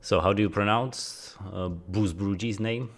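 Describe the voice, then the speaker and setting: A man's voice: fairly low pitch, measured pace, soft background music. A young man from the Czech Republic chatting in a laid-back, easygoing way as a stream guest. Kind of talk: casual chat.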